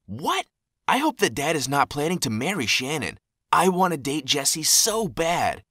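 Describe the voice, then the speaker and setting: Lively young man narrating a story. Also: on the high side, normal speed, no room sound, clean studio sound. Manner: animated, voices quoted people. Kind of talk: scripted narration.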